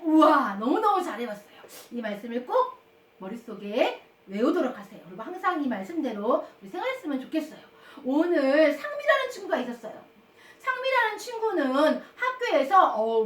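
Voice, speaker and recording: A woman teaching a Sunday school class for children, telling stories in an animated, sing-song way. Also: sits high. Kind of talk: children's sermon. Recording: echoey room, far from the mic.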